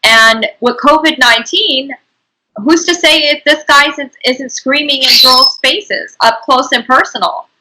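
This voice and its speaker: A woman's voice: high-pitched, a little slow, bright, forceful tone, slight background noise, low-quality recording. A woman hosting an interview, speaking indignantly and emphatically, repeating her points. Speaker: interviewer, host.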